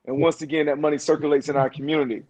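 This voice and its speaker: A man's voice: fairly high pitch, level tone, very fast, a little mellow, no echo, poor audio. A man on a virtual panel speaking bluntly and with heat. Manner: blunt and fired up. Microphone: video call.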